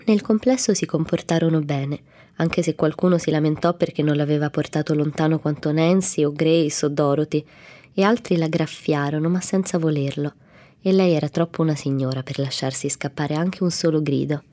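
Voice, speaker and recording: A woman reading a classic children's storybook aloud in a calm, even manner. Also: low-pitched, normal speed. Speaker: audiobook narrator.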